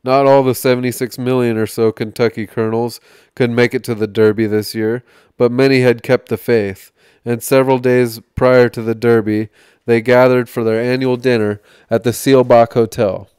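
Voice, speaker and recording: A man hosting a podcast, reading a magazine article aloud in a measured way, with small slips and restarts. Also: medium pitch, level tone, darkish tone, smooth, no room sound, clean studio sound.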